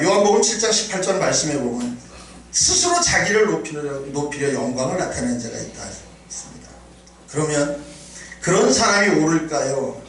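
A man's voice: high-pitched, a bit bright. A middle-aged man preaching a sermon as a pastor. He speaks emphatically and rises into quoted prayers. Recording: echoey hall from far off, faint noise.

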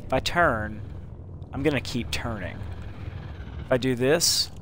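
A man's voice: medium pitch, measured pace, sharp tone, slight background noise. A man with a slight lisp, giving casual, rambling commentary while playing a video game, full of ums and restarts. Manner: rambling and chatty, with many fillers and restarts. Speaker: gameplay commentator. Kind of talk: casual let's-play commentary. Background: game music.

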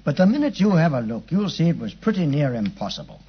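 Very raspy, chatty British police inspector Lestrade. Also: male voice, fairly high pitch, very animated, quick pace, heavily acted. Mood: confiding, matter-of-fact. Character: weary, chatty, deferential London police inspector. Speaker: actor playing a police inspector. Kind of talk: 1950s radio drama acting. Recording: dull, muffled 1950s radio recording.

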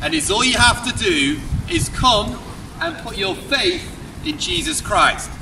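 A man in his thirties from the UK preaching an open-air street sermon, projecting loudly and firing rhetorical questions at passers-by. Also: extremely high pitch, sing-song, measured pace, gravelly. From United Kingdom. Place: outdoor pedestrian shopping street. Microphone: far camera, unmiked open air. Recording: distant voice with street noise. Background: street ambience and passers-by.

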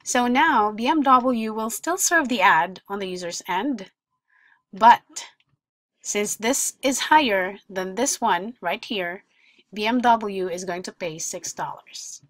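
Female tutorial presenter, mid-pitched, methodical step-by-step explainer, dry close-miked voice-over. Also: slow, dry recording. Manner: explanatory, walks through examples step by step. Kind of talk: screen-share tutorial voice-over.

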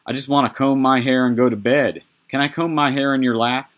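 A man voicing a kind, tired young girl who speaks softly and politely, a little higher than his narration. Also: fairly even intonation, fairly quick, lightly acted. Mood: gentle.

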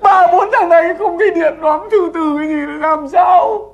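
Old country dad, high gravelly voice, wailing and accusing, comedy sketch. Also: male voice, moderate pace, lo-fi sound. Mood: aggrieved. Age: older. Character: worried old rural father, loud and pleading.

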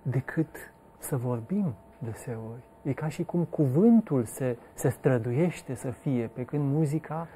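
A man hosting a talk show, speaking calmly and reflectively. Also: medium pitch, slight background noise. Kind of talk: calm interview talk.

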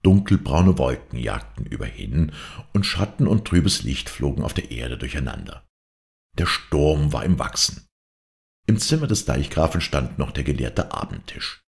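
A man reading a classic novella aloud in a dramatic, expressive storytelling manner. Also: rumbling low, moderate pace, creaky. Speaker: audiobook reader.

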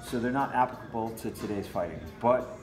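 With a brisk delivery and a mid-range voice, a man explains things conversationally as a martial arts trainer in an interview, saying "you know" a lot. He's filmed by a camera a few feet away inside a matted martial arts gym, where the room echoes and music plays faintly.

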